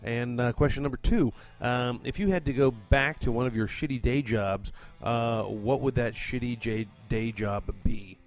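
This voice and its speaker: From his home condo, a man hosting and producing his own comedy podcast chats at a moderate pace with few pauses, his voice medium in pitch. He's rambling, profane, and heavy on fillers, with soft music behind him.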